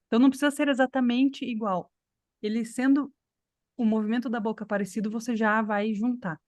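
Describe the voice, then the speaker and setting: A woman's voice: a little high, steady tone, fairly quick, darkish tone, dry recording, clean studio sound. A woman from Brazil teaching an online English class, explaining patiently and checking in with her students. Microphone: computer mic on video call.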